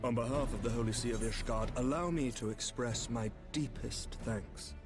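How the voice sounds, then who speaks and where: An actor playing a courtly, measured knight commander in a fantasy game, with a smooth, snake-like voice. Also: male voice, mid-range voice, music in the background, natural voice. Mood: formal, grave. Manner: formal, deliberate, diplomatic. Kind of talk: fantasy video game acting.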